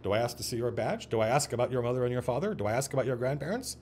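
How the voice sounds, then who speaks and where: A haughty nobleman fires off lofty, indignant questions at a guard. His pitch rises and falls with lively swings. A man acts him out in his own voice. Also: rapid-fire, a little hiss or hum, lightly acted.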